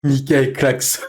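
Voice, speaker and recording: A man live streaming in casual chat, venting with heavy swearing and breaking into nervous laughter as he reacts to comments. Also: a little mellow. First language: French. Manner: bursts into nervous, high-pitched laughter.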